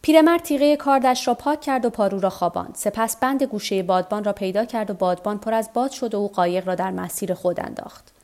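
A woman narrating a novel for a nightly story podcast in a calm, measured reading. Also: medium pitch. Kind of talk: scripted narration of a translated novel.

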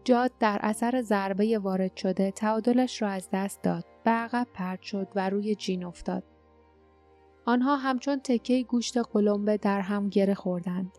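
A woman narrating an audiobook in a steady, even storytelling manner. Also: mid-range voice, faint music behind.

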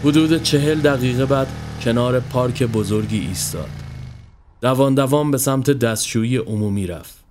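Man, storyteller, horror narration, steady reading, mid-pitched voice. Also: noisy background.

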